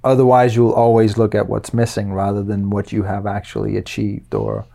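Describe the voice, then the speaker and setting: A man's voice: fairly low pitch, flat delivery, normal speed, vocal fry, dark tone. A man in his thirties from Denmark, a life coach guest on a podcast, speaking hesitantly with many fillers and repeated words. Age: 30s. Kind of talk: casual interview chat.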